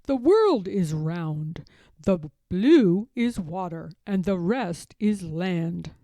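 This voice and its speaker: Reading from a storybook, a woman voices a kindly grandfather bear who used to be a sea captain, using a lowish, full character voice. He explains things very slowly and emphatically in a reassuring, drawn-out way with a lively rise and fall, and there's no echo.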